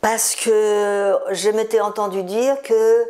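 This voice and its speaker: A woman's voice: medium pitch, flat delivery, takes it slowly, warm tone. A woman in her seventies, a singer, telling stories in a chatty interview, repeating words for emphasis. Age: 70s. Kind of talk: relaxed interview storytelling.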